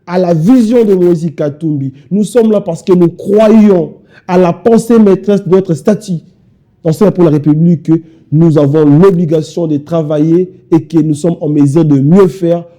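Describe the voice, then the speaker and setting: On a televised interview, a young Congolese party spokesman from Kinshasa speaks French with a local accent, pressing and repeating his message. He has a slightly high, mellow voice at normal speed.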